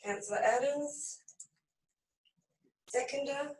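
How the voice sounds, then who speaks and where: A woman with a croaky voice chairing a council meeting as mayor, reading through the agenda items briskly. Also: sits high, darkish tone. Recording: echoey room from a distance.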